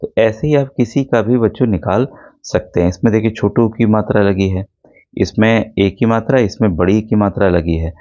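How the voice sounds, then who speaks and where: A man's voice: on the low side, moderate pace, warm tone, dull audio. A man teaching a Hindi grammar lesson to students preparing for an exam. He explains patiently and sounds out each letter.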